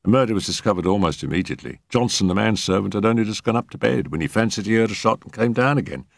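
A man's voice: lowish voice, lively intonation, fast, gravelly, no echo, studio quality, voice pushed up. A man voicing a talkative male police constable who gossips eagerly about a case. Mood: gossipy.

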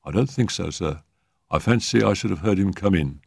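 A man voicing a young gentleman who imitates his servant's flat, expressionless voice. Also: deep voice, a little fast, vocal fry, slightly rough, dry recording, clean studio sound, heavily acted. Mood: guarded.

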